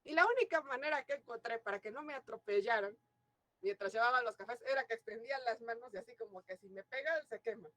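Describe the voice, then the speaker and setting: Speaking fast in a fairly bright, high-leaning voice, a Mexican woman lectures her class with a Mexican Spanish accent. She explains concepts and keeps checking in with students through questions, and the recording is dry.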